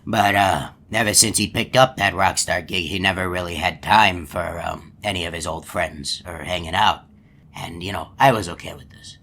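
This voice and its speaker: Guy doing folksy hippo robot from a game, long meandering stories, low pitch but bright punchy tone, polite and naive. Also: normal speed, exaggerated voice. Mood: genial, reminiscing. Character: folksy, long-winded, gullible male hippo animatronic storyteller. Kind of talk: video game character monologue.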